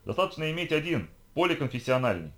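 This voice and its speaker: A man voicing a bold, bossy young girl who guides her companion, in a brisk, commanding way. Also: on the high side, sing-song, fairly bright tone, pitched above the performer's own voice. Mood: instructive.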